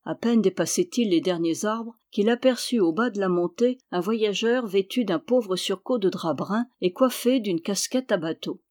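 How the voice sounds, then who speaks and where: An audiobook narrator reading a historical novel in a steady, measured way. The voice sits in a middle pitch, neither high nor low. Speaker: audiobook reader.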